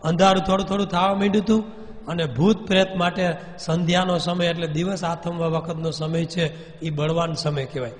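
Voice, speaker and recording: A man narrating a devotional story, building dramatically to loud peaks and sometimes singing phrases. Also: fairly high pitch, steady tone, fairly quick. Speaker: religious storyteller. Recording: long hall reverb.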